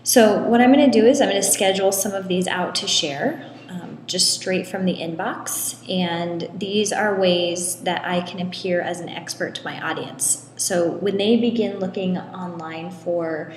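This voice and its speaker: A woman's voice: on the low side, measured pace. Woman in an echoey hall-like room. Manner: relaxed, explains step by step with frequent ums. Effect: echoey room with long hall-like reverb. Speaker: tutorial presenter. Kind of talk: screen walkthrough tutorial. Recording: echoey room, long reverb, faint room noise.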